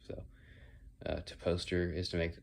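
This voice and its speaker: A man speaks in a deep, low register with noticeable whistling on his s sounds. He talks casually on his own, thinking aloud and wandering from one thought to another. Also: monotone, normal speed, gravelly, a little hiss or hum. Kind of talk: casual rambling solo monologue. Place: indoors in own room.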